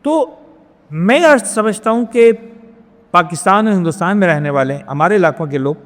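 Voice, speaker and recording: A male religious teacher leads a training class in a high, carrying voice. He lays out rules point by point, drops in English words, and keeps asking if it is clear. The sound rings with the long reverb of a large hall. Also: lively intonation. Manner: explains step by step, mixing English words, asks if points are clear. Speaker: Islamic scholar teaching a Hajj class.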